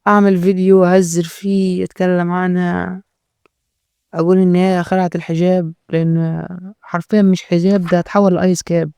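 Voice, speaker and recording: Fast, high-pitched Egyptian man talking off the cuff. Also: little pitch movement, creaky, mellow, clear, resonant tone, dry recording, studio quality. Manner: mocking, sarcastic, rambling. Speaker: host of a commentary video. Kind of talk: natural unscripted talk, joking commentary.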